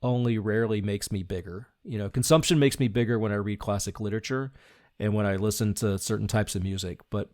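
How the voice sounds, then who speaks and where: A man's voice: on the low side, steady tone, a little fast, darkish tone, no room sound, studio quality. A middle-aged man speaking earnestly and reflectively in a conversational interview, now and then laughing lightly as he talks. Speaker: podcast guest, design leader.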